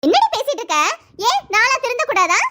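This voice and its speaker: A woman's voice: extremely high pitch, big pitch swings, a little fast, sharp tone, heavily acted. A woman voicing a haughty, bossy rich madam in a cartoon, curt and scolding, with a Tirunelveli Tamil accent. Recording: noisy cartoon voice track.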